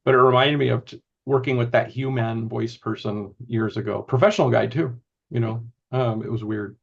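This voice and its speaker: A man with a gravelly, creaky voice chats casually on a video call, musing and rambling as he thinks out loud. The audio is a bit dull and lo-fi. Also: mid-range voice, moderate pace.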